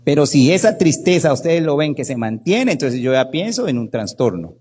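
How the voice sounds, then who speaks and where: A fairly high male voice with a breathy edge, at normal speed, belongs to a doctor giving an animated workshop talk. He speaks Guatemalan Spanish, often asks "¿verdad?", and dramatizes the people he quotes.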